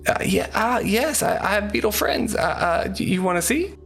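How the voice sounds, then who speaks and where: A man's voice: sits high, animated, normal speed, vocal fry, fairly bright tone, soft background music, voice pushed up, full character voice. A man voicing a tiny, timid, gnoll-like female creature who stutters nervously. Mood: shy. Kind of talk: tabletop game character voice.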